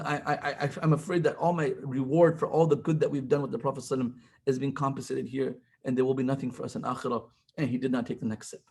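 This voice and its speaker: A man's voice: mid-range voice, darkish tone, slightly rough. A man leading a college Islamic study circle, retelling stories with quoted speech and weaving Arabic phrases into his English. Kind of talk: storytelling religious talk.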